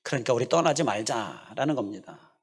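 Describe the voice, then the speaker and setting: Lively, emphatic man preaching a sermon. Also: medium pitch, a little fast, husky. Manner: emphatic preaching with repeated phrases and rhetorical questions. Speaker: pastor. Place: church sanctuary.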